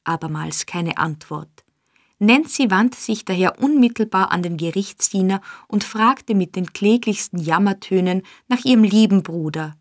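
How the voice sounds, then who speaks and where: A woman narrating a classic novel in a measured, even way. Her voice sits in a middle register. The recording is close and completely dry. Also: medium pitch, no room sound. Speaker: audiobook narrator. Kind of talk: scripted narration.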